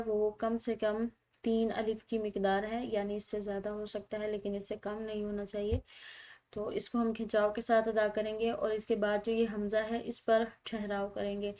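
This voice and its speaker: Patient woman teaching Quran recitation. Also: medium pitch. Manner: explains rules patiently, then recites slowly and loudly. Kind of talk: tajweed lesson with slow drawn-out recitation.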